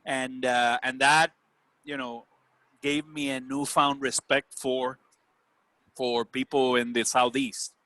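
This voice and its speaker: This man, a Puerto Rican business executive whose first language is Spanish, leads a casual group discussion over video call and earnestly checks for agreement with "right?" and "you know." His mid-range voice is flat, slow, pushed and bright, and the recording is dry and rough.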